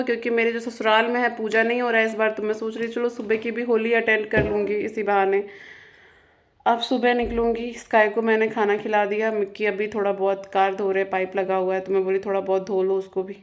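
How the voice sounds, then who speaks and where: A woman's voice: on the high side, flat delivery, a little fast, slight background noise. Chatty woman vlogger telling a story. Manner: chatty, mixing English words into Hindi. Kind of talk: casual storytelling vlog.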